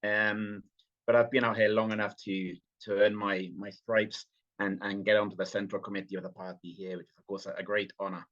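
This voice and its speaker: In a remote podcast interview, a British party official appears as a guest; his accent carries a slight Venezuelan tinge. His fairly low, level, fairly bright voice moves briskly, fluent yet full of fillers and restarts, and the recording sounds muffled.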